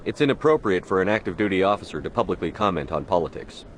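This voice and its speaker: A man's voice: deep voice, expressive, quick pace, a little hiss or hum. A man playing a blunt, authoritative military commander in a video game. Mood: guarded, formal. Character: blunt, authoritative human military commander, hard-edged hero. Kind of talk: video game drama acting.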